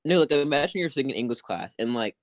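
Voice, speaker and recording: A man's voice: medium pitch, expressive, fast. A teenage boy on a casual podcast with friends, rambling through stories full of "like". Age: teens. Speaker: podcast co-host. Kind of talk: casual chat among friends.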